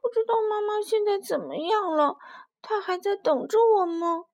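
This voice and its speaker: A woman voicing a timid, tearful baby spinosaurus in a children's storybook, squeaky and pleading. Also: animated, measured pace. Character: crybaby little baby spinosaurus, timid and sweet.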